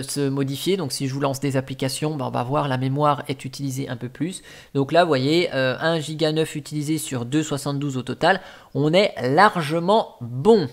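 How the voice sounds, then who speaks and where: A man hosting a tech tutorial, explaining an app in a casual walkthrough, talking in a chatty way with plenty of fillers and restarts. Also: a little high. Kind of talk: casual screen-recording walkthrough.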